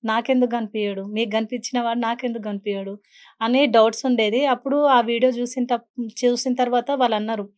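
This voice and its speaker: Woman guest, earnest storyteller, quick and a touch high. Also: steady tone, a little mellow. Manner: earnest, telling a personal story with quoted speech. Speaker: guest, beautician and meditation teacher. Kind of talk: podcast interview, personal story.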